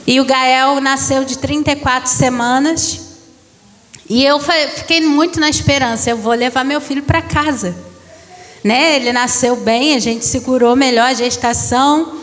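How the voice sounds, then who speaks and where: A woman's voice: high-pitched, a bit bright, in a large hall. A woman in her thirties, a pastor giving an emotional testimony to a congregation, calling them brothers. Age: 30s. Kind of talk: church testimony.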